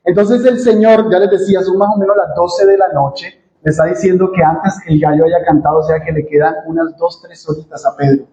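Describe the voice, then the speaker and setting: A man's voice: steady tone, brisk, dark tone. A man, a pastor, preaching an expository sermon with emphasis, acting out the quotes he reads. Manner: emphatic, acts out quotes with shifting pitch. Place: church sanctuary. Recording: echoey church room.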